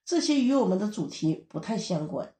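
A woman teaching a sermon in a steady, explanatory manner. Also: mid-range voice, brisk, echoey room. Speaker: preacher.

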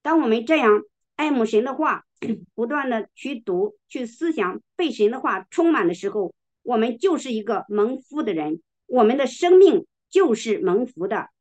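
A woman delivers a sermon in a slow, measured way, leaning on each word as she reads scripture. Her voice sits somewhat high, and she clears her throat now and then. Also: animated, a little mellow. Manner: slow, deliberate, emphatic reading of scripture. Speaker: preacher.

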